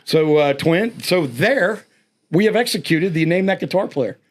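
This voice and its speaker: A man's voice: a little high, animated, a little slow. A man hosting a casual talk show, playful and hyping up a guessing segment. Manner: playful, hypes up a game segment. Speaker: host.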